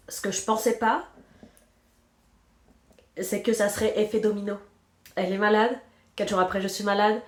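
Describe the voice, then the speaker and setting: Her voice medium-pitched and set in an echoey room, a thirties-aged knitting podcast host makes casual, self-deprecating conversation while she knits at home. She's congested from a cold and tends to trail off counting stitches.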